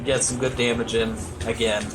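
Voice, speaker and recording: Over loud game music, a man casually narrates his speedrun with dry, low-key humor. His medium-pitched voice stays level at normal speed, and the audio is poor.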